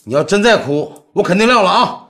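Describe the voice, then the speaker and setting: 一名男演员饰演一位急躁的中年老板，操东北口音，说话直来直去，带着不耐烦的责备。. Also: male voice, sits high, animated, a little fast, fairly bright tone. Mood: exasperated. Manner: blunt, exasperated scolding. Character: impatient middle-aged male boss, brusque but worried. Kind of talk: TV series acting.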